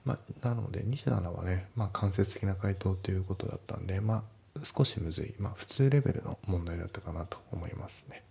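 A man tutoring English test questions in a relaxed, explanatory way with frequent filler words. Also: deep voice, fairly quick, vocal fry, slightly rough. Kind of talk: casual spoken lesson.

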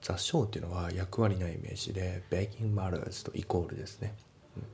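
A man teaching English, breaking sentences into parts and reading English lines slowly, then explaining pronunciation. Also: sits low, fairly even intonation, creaky, darkish tone, slight background noise.

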